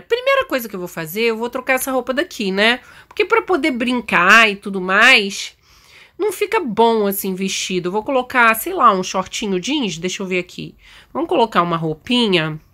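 A woman's voice: on the high side, sing-song, moderate pace, pushed and bright. A Brazilian woman hosting a gaming channel, chatting casually to viewers while playing a mom in a game role-play. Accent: Brazilian Portuguese. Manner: chatty, addresses viewers directly.

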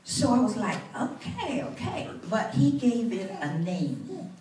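A woman's voice: medium pitch, very animated, slow pace, warm tone. An older woman minister giving a heartfelt testimony at a church pulpit on a handheld mic, earnest and rising into fervent bursts. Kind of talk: testimony speech. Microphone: handheld mic, far camera. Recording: roomy church sound from far off.

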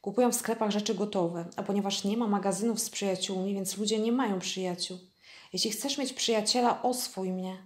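A woman voicing a gentle, lonely male fox from a storybook, read slowly and softly. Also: medium pitch, fairly even intonation, close to an everyday voice. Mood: wistful. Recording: echoey room.

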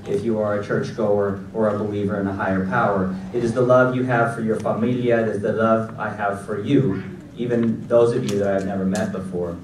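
Lower-voiced man speaking in an echoey hall. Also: darkish tone, slight background noise. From Los Angeles, United States. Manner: measured, deliberate delivery from a prepared text. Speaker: keynote speaker. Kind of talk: graduation keynote speech. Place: large auditorium stage at a podium. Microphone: podium mic, recorded by a far audience camera. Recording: echoey hall recorded from far back.

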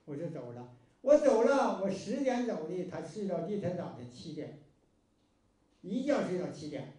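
A man's voice: high voice, normal speed. A man with a Northeastern Mandarin accent giving a folksy moral lecture, telling stories with homespun liveliness. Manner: homespun and lively, acting out dialogue. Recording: very echoey room, mic far off.

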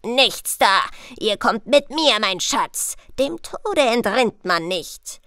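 A woman voicing Death, a bored and menacing male skeleton, with a slow, low, yawning drawl in a storybook reading. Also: expressive, pushed and bright, no echo, clean studio sound, exaggerated voice.

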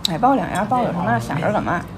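A woman's voice: mid-range voice, lively intonation, quick pace, a crowd in the background. A woman with a Tianjin accent chatting casually over a meal as a food vlogger, commenting on each bite. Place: small busy restaurant, indoors. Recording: clattery, noisy small restaurant.

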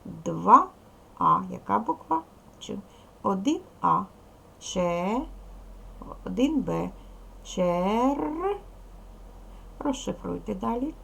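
Slow-talking woman teacher, gravelly voice. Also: medium pitch, animated, fairly bright tone, a little hiss or hum. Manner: slow, patient, spells out sounds and syllables. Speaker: primary school teacher. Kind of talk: recorded video lesson for second graders.

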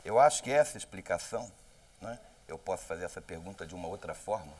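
A man's voice: deep voice, lively intonation, quick pace, a little mellow, slight background noise. A man with a Brazilian accent, a journalist pressing a guest with combative, insistent questions in a heated televised debate. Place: television studio.

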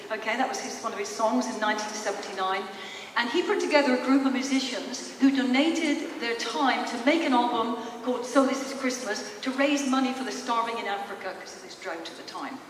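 A psychologist in her fifties with a higher-pitched voice gives a casual storytelling talk in a large theatre hall, standing in front of the stage and posing questions to the audience. Her handheld mic runs through the PA and is picked up by a distant camera, so the audio is echoey, far-off and noisy.

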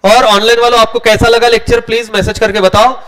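A man's voice: extremely high pitch, level tone, fairly quick, a bit bright. A young man, teaching a class in a casual, joking way, telling stories and mixing in English. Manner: joking, storytelling, mixes Hindi and English.

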